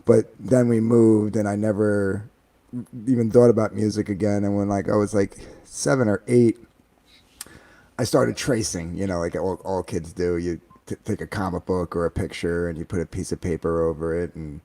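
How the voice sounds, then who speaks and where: A man in his forties, a guest in a casual chat, telling long stories in a rambling, animated way full of fillers. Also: lowish voice, moderate pace.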